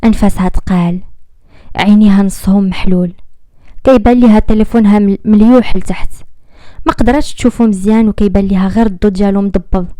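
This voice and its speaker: A woman with a Moroccan accent narrates a dramatic love story in a measured, theatrical way. Her voice is mellow and warm, and the recording is dry and close, with no room sound. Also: mid-range voice, dry recording. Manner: measured and dramatic, slowing at tense moments.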